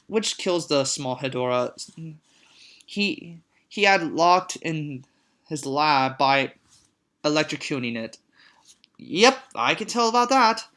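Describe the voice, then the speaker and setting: Bright, halting amateur film reviewer. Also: mid-range voice. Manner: rambling, halting, with many restarts and repeated words; easily amused, reacts with disgust and disbelief. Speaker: movie reviewer. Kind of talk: casual spoken film recap.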